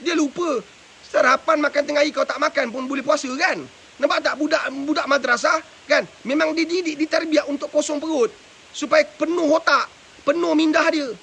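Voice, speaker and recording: High-pitched, gravelly preacher man. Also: fairly even intonation, brisk, a bit bright, slight background noise. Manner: preachy, keeps asking rhetorical questions. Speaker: madrasah religious teacher giving parenting advice. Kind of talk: live advice talk. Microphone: live stream mic with faint hiss.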